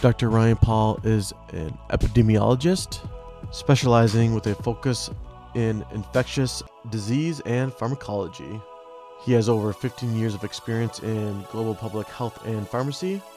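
A man's voice: fairly low pitch, moderate pace, a little mellow. Upbeat podcast host man, faint music. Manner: upbeat, friendly, calls the guest man. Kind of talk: podcast intro and interview.

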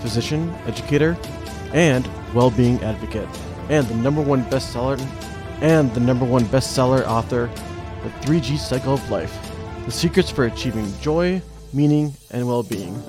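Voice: medium pitch, normal speed, music in the background. A podcast host introducing a guest and chatting casually, with many fillers. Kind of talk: interview podcast hosting.

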